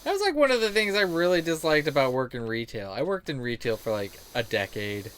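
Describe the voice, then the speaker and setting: This streamer's voice sits on the high side, a bit bright and sing-song, moving a little fast. He rambles casually over his game, cracking crude jokes, swearing freely, and acting out quoted lines. Background noise is clearly heard.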